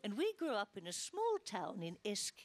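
A woman plays a prim Australian country sister who talks in a flat, obedient deadpan. Her pitch swings up and down in a singsong way, and a faint crowd murmur sits under her voice. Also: moderate pace. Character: prim deadpan small-town spinster sister.

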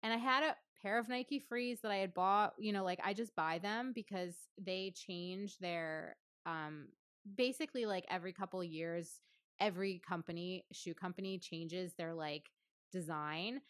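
A woman's voice: lowish voice, normal speed, fairly bright tone, dry recording, clean studio sound. A woman physical therapist in her thirties, chatting casually and telling a story with lots of fillers and laughter. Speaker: physical therapist and podcast co-host. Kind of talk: casual chat.

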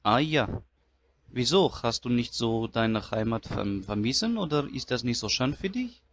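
A man's voice: mid-range voice, lively intonation, normal speed, lightly acted. A man doing a naive immigrant. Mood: puzzled. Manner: broken grammar, earnest and polite. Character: naive polite immigrant man, broken German. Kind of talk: comedic character monologue.

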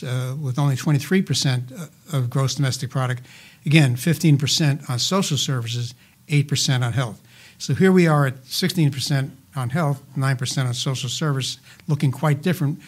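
In an interview, an older healthcare finance advisor responds with a mid-range voice, calm and steady, citing plenty of figures. "Uh" comes up often, and he adds occasional dry remarks.

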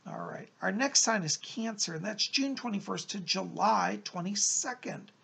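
A middle-aged man with a raspy, creaky voice gives an informal mystical horoscope reading as a psychic, encouraging and advising the listener directly. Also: high-pitched, lively intonation, moderate pace, pushed and bright. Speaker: psychic medium presenting horoscopes. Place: small room at home, indoors.

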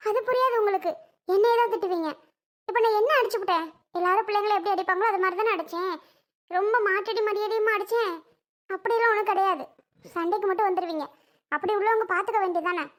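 A woman's voice: extremely high pitch, a bit bright. A woman doing a weary, complaining pregnant wife. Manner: defensive, whining complaints. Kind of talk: family comedy skit acting.

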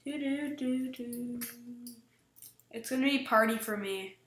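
Slow, chatty woman gaming in an echoey room. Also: a little high, fairly bright tone, a little hiss or hum. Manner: chatty, giggly and self-deprecating. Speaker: gaming vlogger. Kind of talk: casual gameplay commentary.

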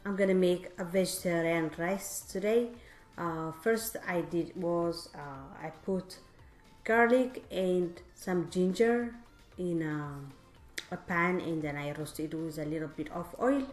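A native Tigrinya speaker with a lowish voice walks viewers through a cooking demo in her home kitchen, taking it slowly and often speaking to them directly. She explains each step chattily from behind the camera, whose mic picks up the echoey room and faint music.

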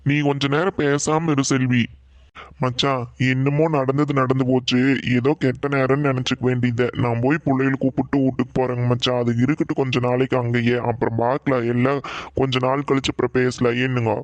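Brief: man as steady village uncle, Coimbatore Kongu accent, firm soothing manner, dull dry sound. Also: mid-range voice, fairly quick, no echo, close to an everyday voice. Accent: Kongu Tamil (Coimbatore). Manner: firm, soothing, with polite -ngga endings. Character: calm middle-aged village uncle, firm peacemaker.

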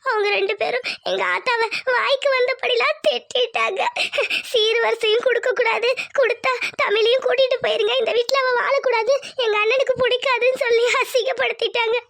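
A woman voicing a gentle young village wife from a poor family in a cartoon, speaking with soft, pleading sobs. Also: very high voice, fairly even intonation, quick pace, hardly any pauses. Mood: tearful. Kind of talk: cartoon voice acting.

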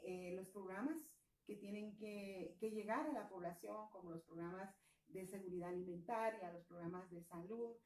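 A woman with a Guatemalan Spanish accent speaks earnestly, pausing on fillers and tag questions as she explains. Her voice is mellow and dark. She is picked up from across an echoey room. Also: medium pitch, far from the mic. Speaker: women's movement activist. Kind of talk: talk on political crisis.

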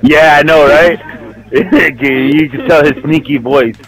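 Excitable young man on game voice chat. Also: fairly high pitch, slow, low-quality recording. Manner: excitable, swears casually. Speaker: gamer in group voice chat. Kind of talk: casual gaming chat.

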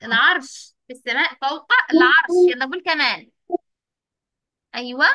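A young female teacher with an Egyptian Arabic accent coaxes small children in an online class, asking questions more than once and praising each answer. She speaks at a moderate pace in a high, bright, forceful voice, and the recording is dry.

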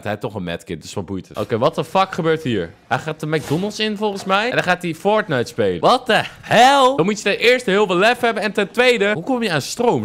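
A man's voice: a little high, a bit bright. A young man giving casual, exclamatory reaction commentary peppered with English slang, speaking into a close desk microphone. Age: young adult. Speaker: reaction video host. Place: small furnished room at home, indoors. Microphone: close desk microphone, headset on.

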